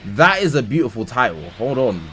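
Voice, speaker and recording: Male streamer, mid-pitched, tired and chatty, reads patch notes and reacts, soft music behind. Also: big pitch swings, a little fast. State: tired, yawning. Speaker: livestreamer. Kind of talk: casual live-stream commentary.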